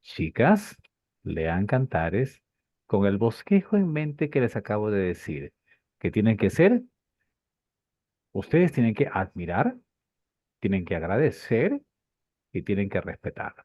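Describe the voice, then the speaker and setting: A man teaching a Bible class, lively and rhetorical, with lots of repeated phrases and questions to his students. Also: on the low side, slow pace, long pauses, no echo. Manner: animated, rhetorical questions and repetition. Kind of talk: class lecture. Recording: dull lo-fi dry recording.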